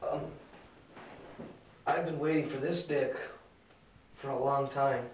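A man's voice: mid-range voice, steady tone, takes it slowly, natural voice. Man playing a pompous, bossy porn director, lecturing, faint noise, distant mic. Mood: pushy. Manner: bossy, pushy, talks down to crew. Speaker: film director. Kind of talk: mockumentary film acting.

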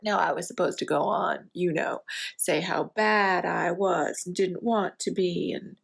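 A sardonic, self-mocking middle-aged drinker, played by an actress in a stage monologue. She talks slowly and deliberately, with long pauses and a husky, gravelly edge to her voice. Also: fairly low pitch, steady tone, full character voice. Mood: wry. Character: wry hard-drinking middle-aged woman. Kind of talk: theatrical monologue.

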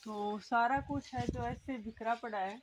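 A young vlogger films herself on a phone at arm's length while casually touring an old empty brick house, inside and out. She's chatty, leans on filler phrases and treats viewers like friends. Her fairly high voice is fairly even in intonation and a little slow, with slight background noise.

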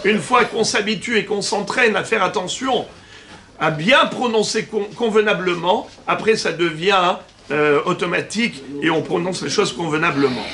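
A rabbi teaches a religious lesson with a bright, fairly high man's voice. He explains patiently. He slows down and stresses each Hebrew term he spells out.

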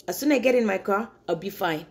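A woman's voice: medium pitch, animated, quick pace, gravelly. Chatty woman vlogging in an echoey kitchen. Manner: upbeat, chatty, addresses viewers as guys. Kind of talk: casual chat to camera. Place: home kitchen, indoors. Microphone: phone camera on a counter. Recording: echoey room.

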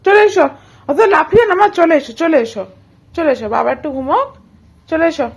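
A woman's voice: very high-pitched, lively intonation, a little fast. A woman with a Bengali accent, a mother vlogging at home and coaxing her small child in a sing-song voice. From India. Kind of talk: casual home vlog talk to a toddler.

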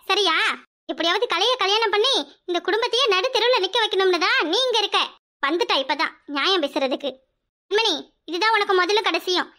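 A high-voiced performer playing a jealous, spiteful young woman who speaks in curt, cutting jabs. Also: sharp tone.

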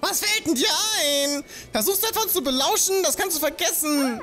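Grumpy, scolding game villager, female, male performer, very high and animated. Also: fairly quick, full character voice. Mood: grumpy, indignant. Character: grumpy, scolding village woman telling off an eavesdropper.

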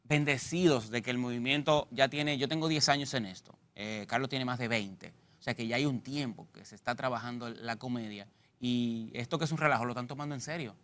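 A man in his thirties with a Dominican Spanish accent, from the Dominican Republic, speaks at medium pitch, fairly quickly and with hardly any pauses. He is a stand-up comedian appearing as a guest on a studio interview show, talking animatedly on a TV studio set. Lively and joking, he gestures with his hands.

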